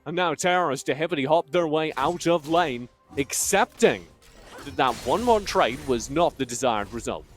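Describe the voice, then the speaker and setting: A man calling a high school esports match play-by-play, with dry, self-deprecating humor. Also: animated, moderate pace, soft background music. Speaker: esports caster. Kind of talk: play-by-play commentary.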